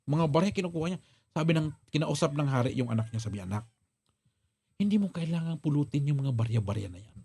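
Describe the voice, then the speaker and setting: A man's voice: on the high side, lively intonation, quick pace, warm tone, husky. A Filipino man preaching a sermon, telling a story dramatically and acting out the characters' lines while addressing the congregation as brothers and sisters. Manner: addresses congregation as "mga kapatid". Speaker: pastor.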